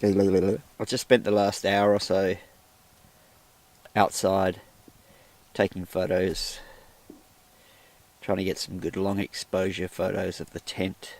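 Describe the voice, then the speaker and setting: Chatty low-voiced man in a tent. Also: completely flat delivery, takes it slowly, pauses often, darkish tone. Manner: chatty, self-deprecating, rambling asides. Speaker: outdoor vlogger. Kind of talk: casual solo vlog commentary. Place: inside a small tent with a wood stove.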